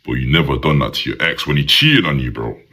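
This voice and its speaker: British man with a very deep, husky voice. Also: fast talker. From United Kingdom. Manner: animated, drops "bro" at the end of lines. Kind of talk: casual storytelling to camera.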